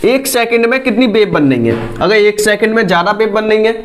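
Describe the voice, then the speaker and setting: A man, lecturing students in a lively classroom style. He keeps asking questions and answers each one himself. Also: high-pitched, fairly quick, slight background noise. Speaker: teacher.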